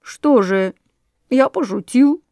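Woman doing a sly teasing ruff fish, storybook, slow and sly, dry close sound. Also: on the high side, expressive, warm tone, dry recording. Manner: sly, teasing, making excuses.

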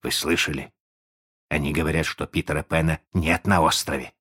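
A man's voice: low-pitched, huge pitch swings, measured pace, slightly rough, heavily acted. A man voicing a dim-witted, loyal male pirate boatswain in a storybook reading, making mild, matter-of-fact remarks. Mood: hushed.

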